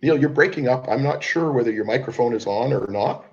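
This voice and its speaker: A man's voice: mid-range voice, a little fast, a little mellow, slight background noise. A man with a cold hosting a group conference call, chatty and mocking. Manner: chatty, mocking, repeats himself. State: has a cold, coughs when laughing. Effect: conference call audio. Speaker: host. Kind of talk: online group call chat. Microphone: computer call mic. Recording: dull lo-fi online call audio.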